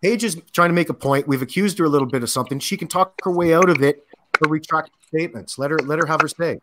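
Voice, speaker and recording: A man with a slightly high voice brusquely takes charge of a noisy chat. Clear background noise and clicking sit behind him. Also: fast talker. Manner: brusque, moderating.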